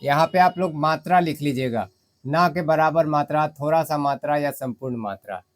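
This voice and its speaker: A man with an Indian accent teaching English grammar in Hindi, explaining step by step and reading English example sentences slowly. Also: a little high.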